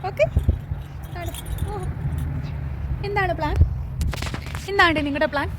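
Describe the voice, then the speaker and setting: A woman's voice: very high-pitched, slow pace. A woman vlogging outdoors in her garden, chatting to a cat in a coaxing way while filming on her phone. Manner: chatty, coaxing, often cries out "ayyo". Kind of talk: casual vlog talk to a cat. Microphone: phone held while filming. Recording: noisy outdoor phone recording.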